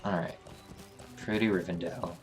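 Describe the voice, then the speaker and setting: A man's voice: low-pitched, steady tone, measured pace, faint music behind. A man hosting a let's play, casually commentating his game and thinking aloud with frequent fillers.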